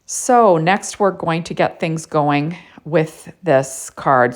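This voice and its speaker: A woman narrating a casual card-making tutorial in a chatty way, with lots of "you know" and "right?". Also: lowish voice.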